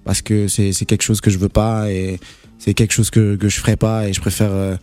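A man actor in an interview, earnest and halting, often restarting his sentences. His voice is low and mellow. Faint music plays underneath. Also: level tone. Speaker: actor guest. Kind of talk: casual interview talk.

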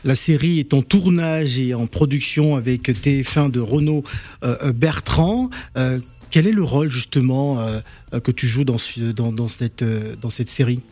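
A man hosting an interview, asking his questions hesitantly with many pauses. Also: mid-range voice, warm tone. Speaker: interview host.

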